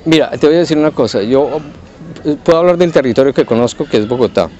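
A man of middle pitch gives his view in a tentative, thinking-aloud way, pausing and hedging. The sound is dull and lo-fi. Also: expressive, darkish tone. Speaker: interviewee. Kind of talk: casual opinion chat.

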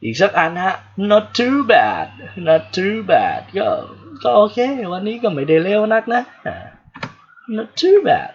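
A man's voice: sits high, wildly swooping pitch, takes it slowly, hardly any pauses, lo-fi sound, a little hiss or hum. A man from Thailand giving a casual livestream English lesson, joking asides to his viewers. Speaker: English teacher.

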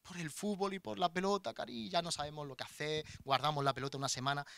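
Man, middle-aged pastor, impassioned sermon storytelling, animated, fairly high voice, dry close sound. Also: fast talker, creaky, dry recording. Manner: personal, impassioned storytelling addressed to the congregation; animated, acts out voices in anecdotes.

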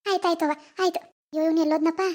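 A woman's voice: very high-pitched, steady tone, rapid-fire, a little mellow. A woman doing a fussing village mother. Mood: anxious soothing. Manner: soothing, fussing, chatty. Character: anxious middle-aged village mother. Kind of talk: cartoon voice acting.

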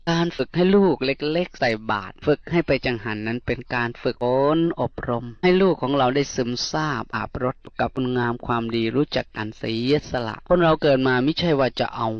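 A man's voice: medium pitch, brisk, hardly any pauses, no room sound. Man, Buddhist monk, Isan accent, middle-aged, folksy dharma sermon, dry dull recording. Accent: Isan Thai. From Northeast Thailand. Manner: folksy, storytelling, repeats key words.

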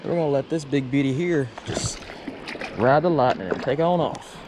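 Excited, folksy remarks come from a young fishing vlogger with a medium-pitched voice as he wades and fishes in a river. Everything is recorded by his head-mounted action camera, and rushing water is audible throughout.

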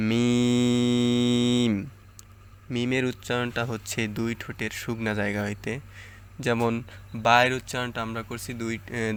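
A man teaching Quran letter pronunciation step by step, stretching out louder model sounds between calm explanations. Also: medium pitch, a little hiss or hum. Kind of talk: slow step-by-step pronunciation lesson.

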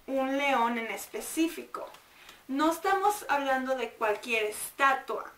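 High-voiced woman teaching, echoey room. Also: pushed and bright, distant mic. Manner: drills words slowly, repeating and sounding them out. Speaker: English teacher. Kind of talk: bilingual grammar lesson.

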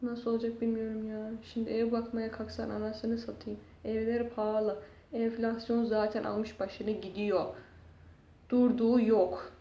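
A woman's voice: on the high side, level tone, measured pace, warm tone. A woman YouTuber venting in a casual vlog, exasperated and swearing as she shows damage to her room. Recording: dull, echoey room sound.

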